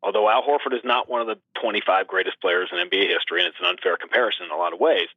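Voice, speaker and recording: Rapid-fire and deep-voiced, a male sports announcer holds forth on basketball as an animated guest, hammering home points with rhetorical questions. The sound comes over a dull, radio-like line with no room sound.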